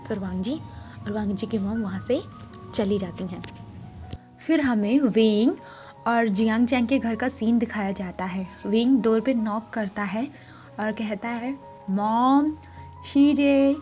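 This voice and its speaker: A woman's voice: on the high side, unhurried, soft background music. A woman telling a fan story aloud, narrating and voicing each character in turn. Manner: switches between narration and soft quoted lines. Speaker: fanfiction storyteller.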